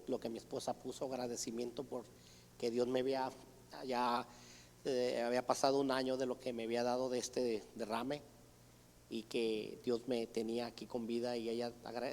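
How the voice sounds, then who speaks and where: A man's voice: medium pitch, a little mellow. A man giving an earnest church testimony, retelling conversations with his mother and others. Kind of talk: sermon testimony. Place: church hall. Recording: church hall reverb.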